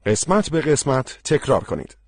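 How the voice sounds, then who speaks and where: A male language-course instructor giving scripted explanations at a slow, deliberate pace. His middle-pitched voice rises and falls with lively intonation and is slightly husky. It is recorded dry on a studio microphone. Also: dry recording.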